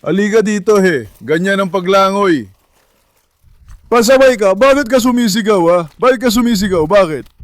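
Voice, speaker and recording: A man with a high, light voice vlogs outdoors from his backyard pool. He keeps calling his dogs in with coaxing, affectionate words and chats casually to his viewers. The sound is close and dry, with animal sounds now and then. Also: normal speed, no echo. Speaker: vlogger and dog owner. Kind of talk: casual vlog talk to pets and viewers.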